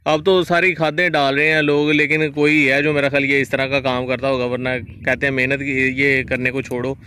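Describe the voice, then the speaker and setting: A vlogger with a Pakistani Punjabi accent narrates a casual vlog outdoors on a farm field, chatting with a farmer and asking friendly questions. His medium-pitched voice has a level, sharp tone and a brisk pace, with slight background noise.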